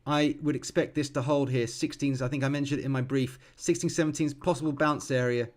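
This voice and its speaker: A man in his forties giving live trading commentary, thinking aloud calmly and explaining as he goes, with frequent ums and self-corrections. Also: medium pitch, a little fast. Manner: calm, explanatory, teaching as he watches. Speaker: futures trader streaming live.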